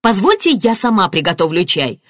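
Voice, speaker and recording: A woman's voice: big pitch swings, a little fast, no echo, clean studio sound. A woman reading an audiobook, voicing a distraught middle-aged mother who flares up and cries out. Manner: shrill, flaring up.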